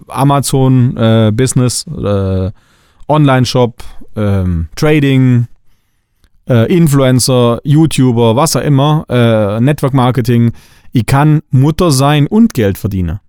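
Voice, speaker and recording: In a clean, room-free studio recording, a middle-aged host from Swabia in Germany delivers a spiritual coaching monologue for his podcast. His mid-range voice has a darkish tone, and he hammers home his points with blunt emphasis.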